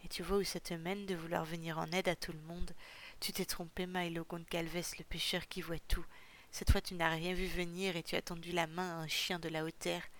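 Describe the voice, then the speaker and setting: A woman's voice: on the low side, level tone, moderate pace, fairly bright tone, close to an everyday voice. A woman voicing a blunt, scornful young woman. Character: fierce proud young woman, blunt and quick-tempered.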